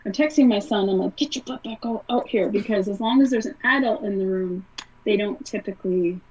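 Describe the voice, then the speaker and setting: A woman's voice: mid-range voice, brisk, a little mellow, slight background noise. A woman, a guest on an interview podcast, telling a personal story in a casual, conversational way, with many fillers. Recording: slightly distant, dull podcast audio.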